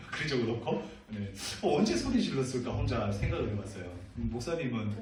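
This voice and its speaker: Playful pastor, lively pitch, echoey hall. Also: male voice, fairly quick, a crowd in the background. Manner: playful, asks the youth questions, laughs often. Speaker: senior pastor. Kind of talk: youth sermon. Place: church hall. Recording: echoey room, from a distant mic.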